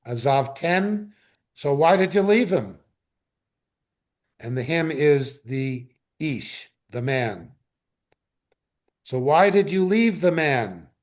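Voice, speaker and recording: Slow, playful Hebrew study teacher, man. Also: a little high, big pitch swings. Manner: explains slowly, reads verses aloud and acts out characters playfully. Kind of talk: informal class lecture. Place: study class in a synagogue room.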